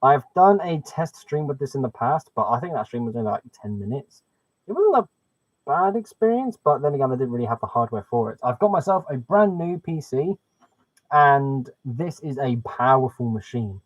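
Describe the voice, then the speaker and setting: Heard through a webcam microphone, this man's medium-pitched voice comes across muffled and hollow, like speech traveling down a pipe. He's animated and moves at a moderate pace, chatting casually on a live stream while thinking aloud and tweaking settings. The sound is dull and dry.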